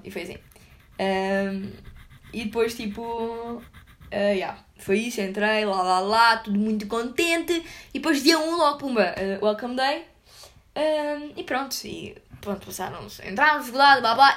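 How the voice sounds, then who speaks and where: A woman's voice: fairly high pitch, fairly bright tone. A young woman with a European Portuguese accent, telling a story to her viewers in casual, slangy chat full of fillers. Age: young adult. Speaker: vlogger.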